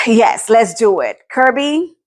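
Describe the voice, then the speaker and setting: A woman's voice: a little high, very animated, takes it slowly. Emotional woman sharing her faith story. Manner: emotional, faith-filled, repeats words for emphasis. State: teary, near crying. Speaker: podcast host. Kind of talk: personal testimony, casual talk.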